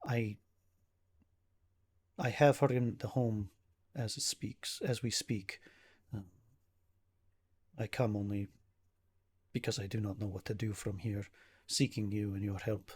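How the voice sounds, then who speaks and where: A man voicing a stressed, tired young nobleman who speaks in a formal, halting, old-fashioned way. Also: lowish voice, fairly even intonation, a little mellow, breathy edge. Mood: worried. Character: weary young nobleman, grieving son of a town leader.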